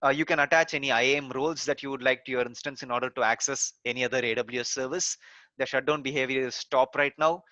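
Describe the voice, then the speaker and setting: A man's voice: mid-range voice, fairly even intonation, quick pace, bright, forceful tone, dry recording, dull audio. A man instructor walking through a screen-recorded technical tutorial step by step, with many "so" and "uh" fillers. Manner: explains step by step with frequent "so" and "uh" fillers. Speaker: course instructor.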